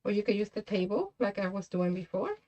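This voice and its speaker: A woman's voice: medium pitch, sing-song, brisk, darkish tone, muffled recording. A woman hosting a craft tutorial, chatting casually with viewers by name and laughing often. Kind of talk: casual livestream crafting chat.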